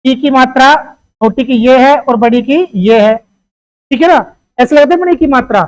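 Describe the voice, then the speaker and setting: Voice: high voice, moderate pace, poor audio. A teacher giving an exam-prep grammar lesson. The teacher keeps asking questions, answers them, and calls the listeners "beta.".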